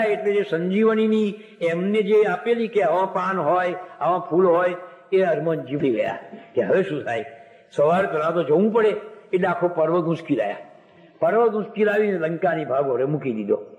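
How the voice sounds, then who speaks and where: A man giving a devotional discourse, retelling scripture stories in a lively, animated way. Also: high-pitched, normal speed, narrow, tinny audio. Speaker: religious storyteller. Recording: echoey hall with long reverb.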